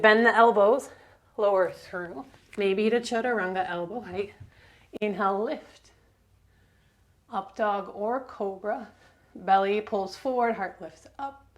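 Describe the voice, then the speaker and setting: A woman teaching a yoga class, giving calm step-by-step cues for breath and movement. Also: medium pitch. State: slightly out of breath at times. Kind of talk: guided yoga class instruction.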